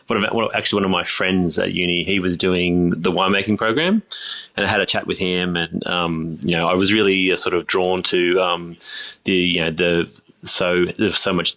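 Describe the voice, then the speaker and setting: Halting Australian man, low bright voice. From Griffith, New South Wales, Australia. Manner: halting, many fillers and restarts. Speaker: chief winemaker, guest. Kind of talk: casual interview chat.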